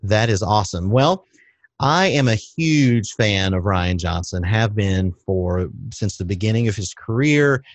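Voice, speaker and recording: A man with a fairly low voice hosts a casual movie review podcast. He talks in a relaxed, measured way and slips in light jokes. The sound is dry and close, with no room echo. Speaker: podcast host.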